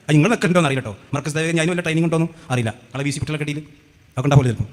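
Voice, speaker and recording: A man giving a heated religious rebuttal, mocking and firing off rhetorical questions. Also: fairly high pitch. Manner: sarcastic, mocking, rapid-fire questions. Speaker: religious speaker. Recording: echoey hall with long reverb.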